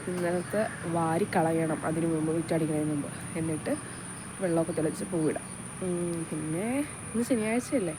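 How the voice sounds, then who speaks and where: Young woman chatting fast outdoors. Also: lowish voice. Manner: chatty, rambling, often trails off. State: voice changed by allergy, sneezy. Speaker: vlogger. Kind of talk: casual vlog narration. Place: outdoors at a home yard. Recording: outdoor vlog with loud ambient noise. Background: insects and animals.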